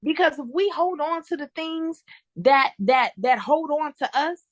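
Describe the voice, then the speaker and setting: A woman's voice: high voice, a little slow, dry recording, muffled recording. A woman in a casual interview conversation, giving motivational advice and repeating key phrases for emphasis.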